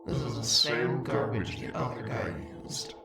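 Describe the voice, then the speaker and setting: Shadowy nightmare demon for horror audio story: low haunting voice, slow mocking menace, cavernous echo. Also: male voice. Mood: contemptuous. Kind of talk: scripted horror story narration. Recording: echoey, distant voice over clear music.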